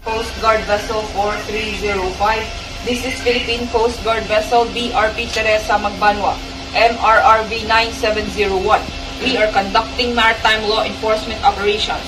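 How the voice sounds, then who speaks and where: Woman over marine radio, firm and steady. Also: on the high side. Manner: firm, measured, steady delivery. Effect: marine radio transmission. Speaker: coast guard radio operator. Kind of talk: formal radio challenge. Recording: distant echoey radio audio under news music.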